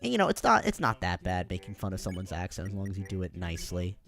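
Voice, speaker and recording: A man's voice: deep voice, huge pitch swings, quick pace, creaky, fairly bright tone, faint music behind. An American man chatting on his own during a livestream, rambling and self-deprecating with plenty of fillers. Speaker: streamer.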